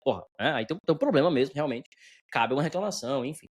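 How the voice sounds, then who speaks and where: A man hosting his own channel, talking to the camera in a fast, energetic, somewhat anxious way, blunt and given to swearing, with a slightly hoarse voice that keeps clearing its throat. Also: mid-range voice. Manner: blunt, swears, frequent filler tags. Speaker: instructor, channel host. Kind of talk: casual solo vlog monologue.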